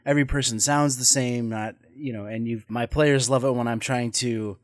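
A man's voice: mid-range voice, steady tone, normal speed, no room sound. Male host and game master, conversational and reflective, recorded dry. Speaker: podcast host and dungeon master. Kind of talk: casual conversation.

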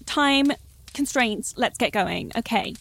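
A woman's voice: a little high, expressive, slow pace, creaky, a bit bright, husky. A woman playing along in improvised group storytelling, with a giggly, mock-earnest manner. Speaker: co-player in an improvised storytelling show.

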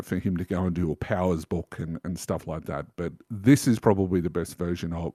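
A man in his fifties with a low, mellow voice chats as a guest on a casual podcast, enthusiastically recommending something. The recording is studio quality, with no room sound.

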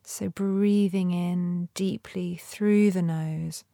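A woman leading a guided meditation in a soft, breathy, often near-whispered voice with a gentle, soothing manner and long pauses. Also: on the low side, steady tone, no echo, clean studio sound.

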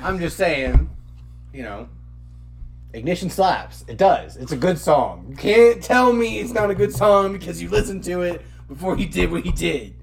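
This podcast host has a high, expressive voice at a normal pace, and the recording carries a clear humming noise. He jokes around casually, speaking in a profane, slangy and opinionated way.

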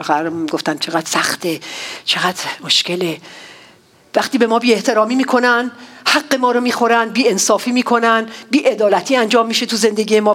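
A middle-aged woman pastor preaching, telling the story with animated acted-out outbursts. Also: on the high side. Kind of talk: sermon.

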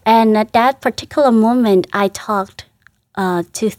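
A woman from Vietnam, a Vietnamese native speaker with a Vietnamese accent, speaks as a religious sister in an interview, gently and earnestly, with frequent restarts and soft laughs. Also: on the high side, measured pace, dry recording, studio quality. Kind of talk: emotional personal reflection.

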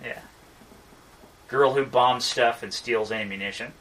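A man's voice: medium pitch, fairly even intonation, measured pace, a bit bright, distant mic, rough recording. A man in a casual movie commentary chat, tossing in wry quips with some swearing.

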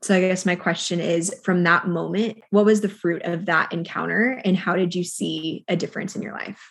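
A woman's voice: lowish voice, steady tone, moderate pace, creaky, breathy edge. A woman who hosts the podcast, asking a guest reflective questions in an interview. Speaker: podcast host.

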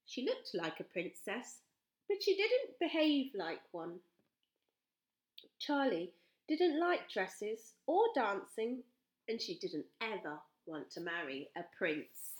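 Expressive woman reading a children's story. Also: medium pitch. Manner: slow, expressive. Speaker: storybook reader. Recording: roomy echo.

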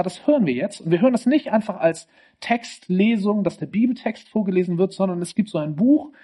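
A man's voice: sits high, mellow, slightly rough. A male pastor introducing a reading to his congregation, explaining and inviting them to close their eyes. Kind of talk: sermon introduction.

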